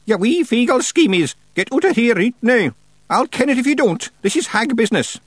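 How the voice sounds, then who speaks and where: A man voicing an old blind witch woman who gives sharp, imperious orders. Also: a little high, huge pitch swings, normal speed, dry recording, voice pushed up, full character voice. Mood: scolding. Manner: imperious, snapping.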